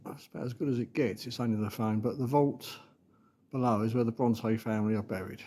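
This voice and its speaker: A man's voice: medium pitch, steady tone, fairly quick, dark tone. Man's casual travel vlog, noisy phone recording. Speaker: holiday vlogger. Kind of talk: casual narration of sightseeing on a phone camera. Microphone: handheld phone. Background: clear ambient noise, sometimes rain.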